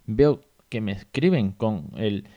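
A man's voice: fairly low pitch, lively intonation, slow pace, lo-fi sound. A man from Spain hosting a casual solo podcast, chatty and swearing casually as he acts out the people he quotes. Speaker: podcast host. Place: hotel room.

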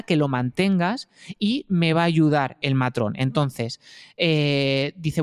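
A man's voice: on the high side, smooth, dry recording, studio quality. A man from Spain, a new father, telling his story in an earnest, detailed way with many hesitations. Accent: Spain Spanish. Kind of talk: casual storytelling.

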